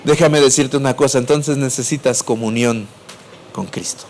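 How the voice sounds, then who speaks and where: A man's voice: medium pitch, normal speed, crowd noise. A male preacher with a Mexico City Spanish accent, giving a sermon and asking the congregation questions before answering them himself. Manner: swings between raised and dropped voice.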